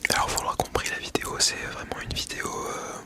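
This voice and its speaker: A man whispering breathily in a casual ASMR style, chatting about products with a tongue-in-cheek, mock-solemn manner into a small wireless mic. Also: fast talker. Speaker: ASMR video creator. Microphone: small clip-on wireless mic being tested.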